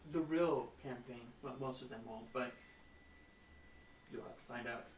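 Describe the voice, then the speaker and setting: A man's voice: medium pitch, a little slow, distant mic, a little hiss or hum. A man narrating as game master in a tabletop game, chatty and laughing often. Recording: echoey room, off mic.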